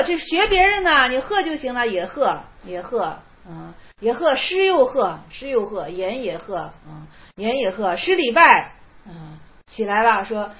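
A woman giving a casual spoken lecture on Chan koans, retelling them conversationally and repeating each phrase. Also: a little high. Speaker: teacher explaining Chan koans. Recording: dull lo-fi recording.

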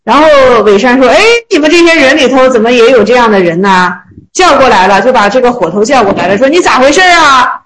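High-pitched woman reading zen stories slow then chatting them over, kinda playful. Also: animated, a bit bright, slight background noise, low-quality recording. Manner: slow, measured reading of classical text, then chatty colloquial retelling; laughs and jokes with listeners. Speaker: Zen koan teacher. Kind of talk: reading classical koans, then retelling them casually.

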